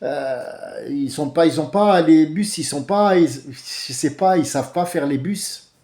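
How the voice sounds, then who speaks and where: A man voicing a chatty North African woman who complains on a bus, with a put-on Arabic accent and a halting, loud delivery. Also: a little high, echoey room, natural voice. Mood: complaining. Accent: Arabic-accented French, put on.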